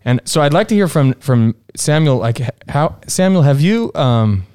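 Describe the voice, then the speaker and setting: A man's voice: on the high side, animated, normal speed, a little mellow, clear, resonant tone, no room sound, studio quality. A man hosting a faith-based panel discussion, talking in a searching way and repeating words as he goes. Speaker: panel host.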